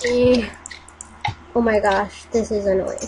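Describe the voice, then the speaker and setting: A woman giving casual, excitable commentary on her own gameplay, muttering to herself and breaking into silly sing-song chants. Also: medium pitch, slow, noisy background. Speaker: gameplay channel host.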